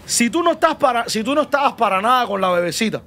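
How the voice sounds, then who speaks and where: A man hosts in a notably high voice. He relays audience questions with careful politeness and gently probes his guests. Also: lively intonation, quick pace. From Cuba. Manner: reads viewer questions, polite and probing. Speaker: host. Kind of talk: casual interview.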